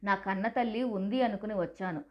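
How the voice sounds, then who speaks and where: A grown son boils over with rage, his speech loud, harsh and full of scorn, as a woman storyteller puts him on. The sound is a touch dull and lo-fi. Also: mid-range voice, fairly quick, lightly acted. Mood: furious, scornful. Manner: shouting, accusing.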